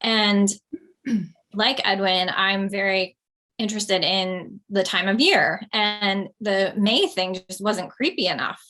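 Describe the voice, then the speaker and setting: A woman's voice: mid-range voice, slow pace, sharp tone. A woman author in a panel talk, chatting loosely with many fillers. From United States. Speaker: author guest. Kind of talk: panel discussion.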